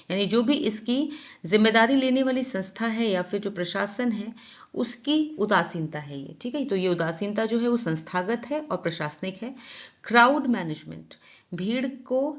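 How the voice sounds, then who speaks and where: Indian woman teaching English slowly. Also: mid-range voice, highs cut off. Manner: reads English lines slowly, then explains in Hindi. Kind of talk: explaining a newspaper editorial.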